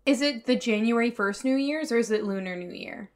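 A woman's voice: on the high side, brisk. A woman in her twenties chatting casually as a co-host. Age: 20s. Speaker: podcast co-host. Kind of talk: casual chat.

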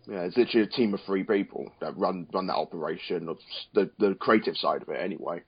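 Deep and husky, this co-host's voice moves fast as he rambles through a laid-back wrestling podcast, hammering points home by saying them again. The recording sounds dull and lo-fi.

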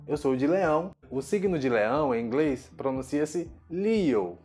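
A man giving a video English lesson, slowing down carefully to model each pronunciation. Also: a little high, a little mellow, soft background music. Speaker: English teacher.

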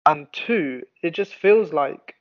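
A man's voice: fairly high pitch, expressive, takes it slowly, no room sound. Man hosting a football podcast. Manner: thinks out loud, poses hypotheticals. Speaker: podcast host. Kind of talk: casual football chat. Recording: dry, dull lo-fi mic.

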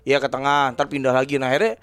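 A man's voice: mid-range voice, steady tone, quick pace, a bit bright, clean tone. A man telling a family story in casual chat, blunt and swearing freely. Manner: blunt, swears freely, acts out his child's lines. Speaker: podcast co-host.

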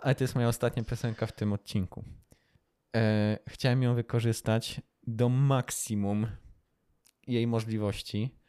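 A man's voice: medium pitch, fairly even intonation, measured pace, dark tone, clean tone. A man with an ordinary mid-range voice co-hosting an unscripted podcast. He talks in an easy, chatty way, explaining things and slipping in jokes. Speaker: podcast co-host. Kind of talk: casual improvised chat.

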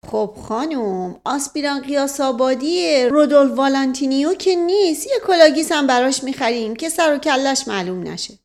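A middle-aged nobleman speaks gently and persuasively, with a teasing edge, as a woman reads him. The voice stays fairly high and soft. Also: expressive, hardly any pauses. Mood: coaxing.

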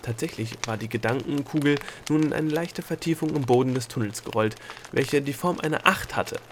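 A man narrating a storybook in a steady, measured way. His voice sits at an ordinary middle pitch, and the reading is even and unhurried. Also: slight background noise. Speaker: audiobook narrator.

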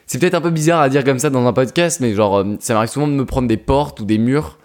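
A young man co-hosting a casual podcast, talking in a relaxed way with many hesitations and fillers. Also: medium pitch, quick pace. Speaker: podcast co-host.

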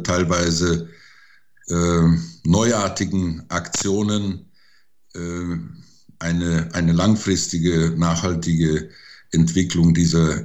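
An older man giving interview answers slowly, halting with many fillers. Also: low voice, a little mellow. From Germany. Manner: slow and hesitant, many fillers. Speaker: interview guest, forester.

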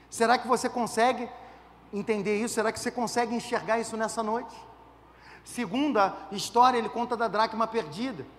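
A man's voice: very high voice, in a large hall, a little hiss or hum. A man, a pastor preaching a conversational sermon full of rhetorical questions and humor. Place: church.

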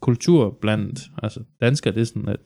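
A man's voice: on the low side, dark tone. Rambling man, casual podcast chat. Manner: rambling, restarts, acts out gym moments. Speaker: podcast co-host.

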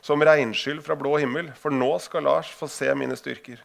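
A man's voice: a little high, steady tone, vocal fry. A man giving a talk to an audience, telling a story with lots of filler sounds and restarts and reading passages aloud from his own book. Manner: hesitant, many filler sounds and restarts when speaking freely.

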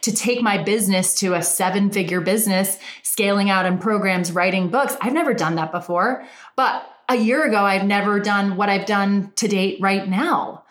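A woman's voice: mid-range voice, moderate pace, few pauses. A woman with a Valley Girl accent, a relationship coach giving a chatty, emphatic motivational talk. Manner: chatty and emphatic, repeats words for stress. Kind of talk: motivational monologue. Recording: roomy echo.

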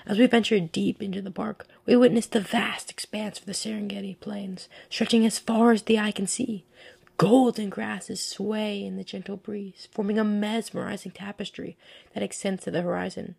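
A woman hosting a podcast in the style of a scripted nature documentary, with earnest, descriptive and measured storytelling. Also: medium pitch, fairly even intonation, creaky, a little mellow, husky. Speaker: podcast host.

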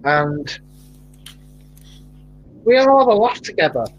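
A man from Manchester, England, with a broad Mancunian accent chats casually and animatedly, telling stories and laughing often. His pitch rises when he gets excited, though he takes things slowly. The recording is muffled, with slight background noise.

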